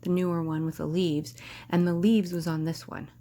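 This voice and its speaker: A woman's voice: fairly low pitch, level tone, moderate pace, warm tone. Rambling, hesitant woman vlogger. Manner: rambling, hesitant, full of ums and restarts. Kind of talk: casual chat to camera.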